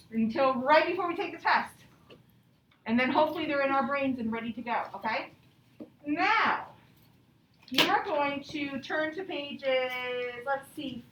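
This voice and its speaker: An elementary teacher with a high, somewhat bright voice leads young children through a lesson and storybook. Her manner is instructive, with frequent questions to check their understanding, and the sound is roomy, a little far from the mic, and faintly noisy.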